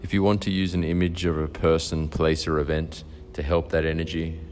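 A man leading a guided meditation in a slow, soft and soothing way. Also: extremely low pitch, flat delivery, slight background noise. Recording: faint music behind.

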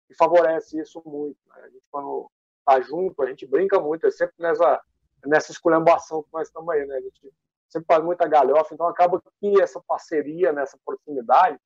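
A man's voice: fairly high pitch, dry recording, highs cut off. A man being interviewed as an athlete. He tells stories casually and with energy, rambling and using many fillers. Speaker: guest athlete.

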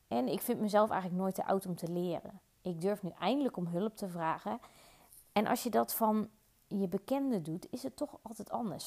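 Dutch woman podcast host, candid, direct coaching monologue, slight vocal fry. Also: mid-range voice, warm tone. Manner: earnest, direct, addresses listener.

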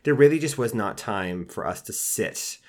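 A film reviewer with a lowish, darkish voice thinks out loud in a loose, casual podcast chat, picking apart a film's pacing and characters. He's expressive and talks at a moderate pace, often restarting sentences and dropping in fillers. When quoting characters, he slips into mock voices.

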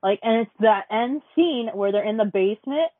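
A woman's voice: fairly high pitch, animated, normal speed, no room sound. A woman in casual chat, rambling with many fillers and frequent laughs. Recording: dry, phone-like audio.

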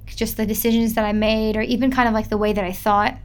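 A woman's voice: a little high, level tone, fast, smooth. A young woman, chatting casually as an interview guest and filling her talk with "like". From Midwest United States. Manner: chatty, lots of filler "like".

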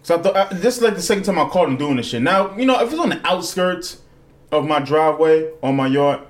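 A man's voice: on the high side, very animated, fast. A young adult man hosting a podcast, telling rambling, profanity-laced stories in casual banter with his co-hosts. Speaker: podcast host.

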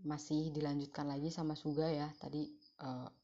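Low, mellow-voiced woman explaining lyrics. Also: little pitch movement. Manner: reads lyrics slowly, then explains with many fillers. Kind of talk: casual lyric breakdown. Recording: dull lo-fi recording.

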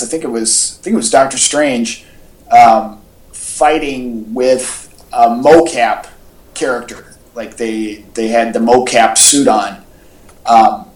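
A medium-pitched man co-hosts a casual superhero movie fan podcast, chatting enthusiastically and rambling. He's recorded from a distance, giving the home audio an echoey, off-mic sound.

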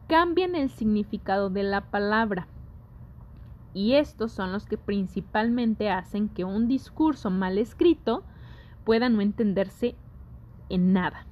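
A woman teaching a scripted lesson, speaking deliberately and putting questions to her audience. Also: on the high side, a little mellow.

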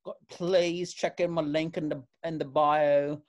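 A man's voice: a little high, little pitch movement, a little slow, a little mellow, lo-fi sound, natural voice. A man voicing a bubbly young internet influencer who gushes to followers in a sing-song accent with added R sounds. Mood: gushing. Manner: bubbly, gushing, rambling with ums.

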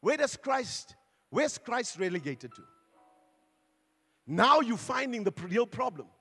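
A pastor preaches with mounting fervor, stretching out key lines slowly. His voice sits high for a man. The sound rings with a long reverb, with soft music underneath. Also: sing-song, breathy edge. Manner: preaching with rising fervor and slow emphatic points. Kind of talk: sermon.

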